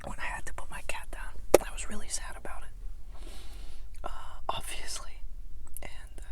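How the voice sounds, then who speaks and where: A woman in her twenties whispering a halting personal vlog from inside a small soundproofed closet, with many pauses and fillers. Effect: close, quiet whisper from inside a closet. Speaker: ASMR channel creator.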